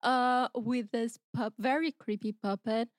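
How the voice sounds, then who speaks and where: A woman's voice: a little high, steady tone, a little slow, no echo, studio quality. Giggly chatty woman co-host. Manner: giggly, chatty, eating while talking. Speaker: podcast co-host. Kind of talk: casual chat.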